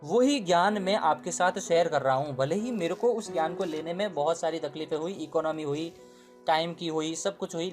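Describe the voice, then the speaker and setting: A man teaching English grammar in a casual spoken lesson, who repeats points, checks in with his listeners and corrects himself mid-sentence. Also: sits high.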